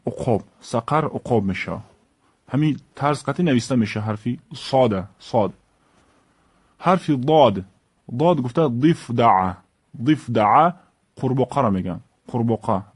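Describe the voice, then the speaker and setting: Brief: male teacher, Tajik accent, slow drill voice, dry close sound. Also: medium pitch, darkish tone, dry recording. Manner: slow, repeats each word, stresses letter names. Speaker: Arabic teacher. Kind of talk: alphabet lesson.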